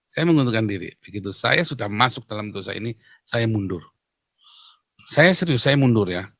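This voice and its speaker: A man's voice: on the low side, normal speed, bright, forceful tone, no room sound. A man, a pastor hosting a live stream, talks casually, jokes around and confesses his past with emotion. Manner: joking, then confessional and emotional. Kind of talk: casual preaching chat.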